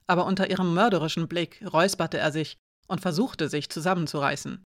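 Frau liest ruhig eine Geschichte vor. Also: female voice, lowish voice, brisk. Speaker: audiobook narrator. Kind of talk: scripted narration.

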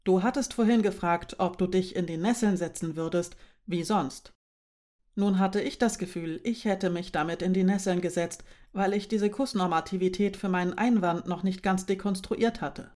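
A woman's voice: lowish voice, normal speed, dark tone, close to an everyday voice. A woman voicing Linoschka, a shy, dreamy young woman who speaks hesitantly and carefully. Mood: unsure.

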